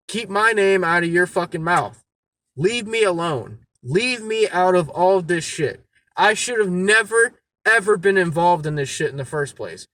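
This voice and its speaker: A man's voice: sits high, sharp tone, dry recording, low-quality recording. A man, giving a blunt, exasperated, swearing rant to camera from inside a car. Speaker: YouTuber addressing his audience.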